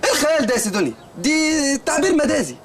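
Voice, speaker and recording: A simple-minded Egyptian shopkeeper, high voice, very fast rambling talk, comedy film. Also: male voice, big pitch swings. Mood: earnest. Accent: Egyptian Arabic. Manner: rambling, literal-minded storytelling. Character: naive male shopkeeper, simple-minded and earnest.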